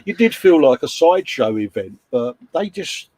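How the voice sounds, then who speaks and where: A man's voice: mid-range voice, sing-song, normal speed, warm tone, dry recording. A man with an English accent tinged with Scouse, hosting a model-building stream in casual, rambling chat and laughing often. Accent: English with a slight Scouse hint.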